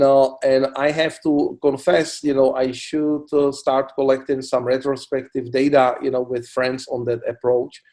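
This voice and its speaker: A middle-aged man from the Republic, a cancer doctor answering interview questions in a halting way, full of "you know" fillers. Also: medium pitch, mellow. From Czech Republic. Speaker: oncologist guest. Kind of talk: expert interview.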